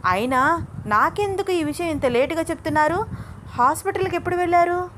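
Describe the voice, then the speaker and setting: A woman voicing a lively, excitable young wife. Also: very high-pitched, fairly quick, slight background noise, pitched above the performer's own voice. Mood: excited. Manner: bubbly, excitable.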